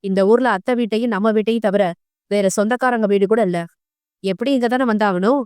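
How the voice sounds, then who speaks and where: A cool, dismissive young husband from an audio novel, voiced by a woman narrator. He answers curtly in a lowered, flat tone, quick and unbothered. The recording is dry. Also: clear, resonant tone, dry recording, lightly acted. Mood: calm. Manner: unbothered, curt.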